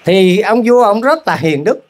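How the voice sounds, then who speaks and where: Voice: mid-range voice, expressive, a little mellow. Folksy Southern Vietnamese lay preacher. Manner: keeps asking the audience rhetorical questions; repetitive, folksy, halting restarts. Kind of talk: storytelling sermon to a congregation.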